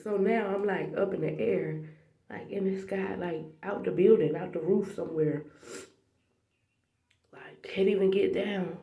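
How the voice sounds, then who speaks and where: Tearful, gravelly voice in an echoey bathroom. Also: mid-range voice, unhurried, pauses often, narrow, tinny audio. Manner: heartfelt, addresses viewers directly, sometimes drops to a whisper. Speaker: faith vlogger sharing a dream. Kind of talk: emotional spiritual testimony to camera. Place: small bathroom.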